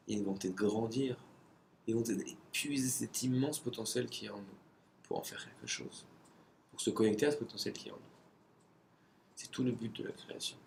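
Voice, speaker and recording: Gravelly male teacher giving a lesson. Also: lowish voice, a little mellow, slight background noise. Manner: conversational, searching for words, rhetorical questions. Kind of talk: spoken religious lesson.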